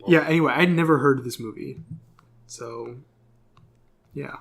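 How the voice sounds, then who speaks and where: A man's voice: mid-range voice, moderate pace, creaky, fairly bright tone, slightly rough. A man co-hosting a podcast, casually reading through corrections with plenty of fillers. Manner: reads corrections from notes, many fillers. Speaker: podcast co-host. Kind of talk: casual chat.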